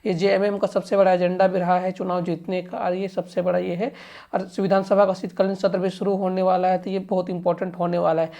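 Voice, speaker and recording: This news commentator's voice sits fairly low with little pitch movement, a touch of vocal fry and a mellow quality, delivered a little fast on dull-sounding audio. Speaking straight to the government, she offers emphatic, informal political commentary and explainers, repeating her points often.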